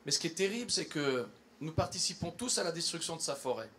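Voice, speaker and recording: A man speaking at a public event, earnest in tone and pausing often with fillers and restarts. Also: a little high, lively intonation, a bit bright, a little hiss or hum. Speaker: environmental campaigner addressing company staff. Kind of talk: public talk to an audience.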